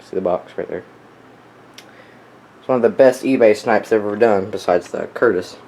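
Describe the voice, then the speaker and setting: Speaking at a moderate pace in a fairly low, slightly mellow voice, a young man casually presents his weather radio collection. The show-and-tell is unscripted, offhand and enthusiastic, recorded at home with clear noise.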